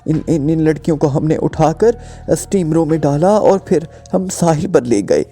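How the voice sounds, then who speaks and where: A man's voice: on the high side, animated, normal speed, dark tone, husky, voice pushed up. A man voicing a terrified male thug who stammers and pleads in panic. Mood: frantic pleading.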